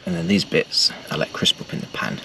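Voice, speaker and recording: A vanlife vlogger in his forties with an English accent talks a little fast while cooking breakfast in a small camper van, tossing self-mocking asides to viewers. A camera mic across a small table captures him from a distance, with loud background noise.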